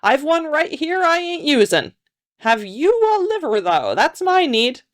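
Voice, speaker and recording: A woman voicing an ancient, croaking male grave robber in an audiobook, haggling in folksy, clipped phrases. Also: high-pitched, very animated, unhurried, voice pushed up. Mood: eager haggling.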